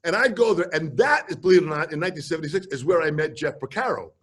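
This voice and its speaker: Older male storyteller, high and husky, very animated, shouts out quoted lines. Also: racing. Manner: lively storyteller who shouts out quoted lines and mimics voices. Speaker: drum teacher telling stories. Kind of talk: animated storytelling on a group video call. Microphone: video call.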